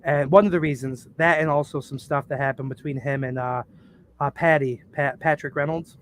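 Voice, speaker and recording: A man's voice: a little high, steady tone, a little fast, a bit bright, a little hiss or hum. Rambling man on a casual podcast. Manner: rambling, fills with "uh" and "like". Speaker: podcast cast member. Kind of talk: casual chat.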